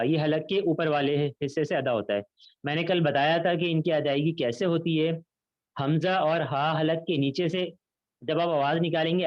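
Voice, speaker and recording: A man teaching an online class, patiently explaining step by step and repeating sounds slowly over a video call. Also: on the high side, dry recording. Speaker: Quran recitation teacher. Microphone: computer mic on a video call. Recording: dull, dry video-call audio.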